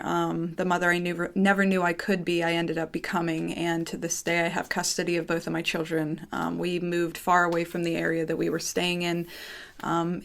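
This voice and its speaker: Rambling, nervous American woman, slightly low voice. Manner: rambling, often breaking off and going off topic; informal, swearing. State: nervous, dry-mouthed. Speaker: YouTube creator. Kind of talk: casual personal monologue to viewers.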